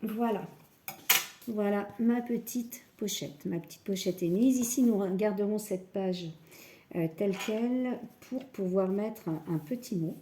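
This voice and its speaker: A woman calmly guiding a scrapbooking tutorial step by step, working standing up. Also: mid-range voice, measured pace, background noise. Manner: calm step-by-step, often says "voilà". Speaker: scrapbooking crafter. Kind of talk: crafting tutorial.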